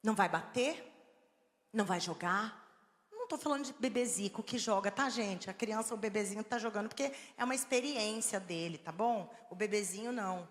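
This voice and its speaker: A woman preaching a sermon in Brazilian Portuguese, animated, moving between soft, coaxing talk and firm, loud emphasis. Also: medium pitch, fairly quick. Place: large church hall. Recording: long hall reverb.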